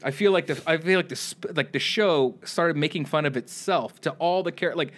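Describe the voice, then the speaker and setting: A man's voice: on the high side, moderate pace, fairly bright tone. Rambling man on a podcast. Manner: rambling, repeats words, swears freely. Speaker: podcast co-host. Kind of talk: casual chat.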